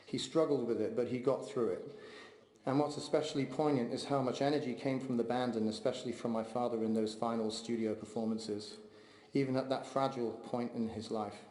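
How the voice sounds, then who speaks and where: A son reads aloud a heartfelt memorial eulogy for his father in a large memorial hall, speaking in a measured, steady way. His voice is mid-range, and the echoey hall adds long reverb.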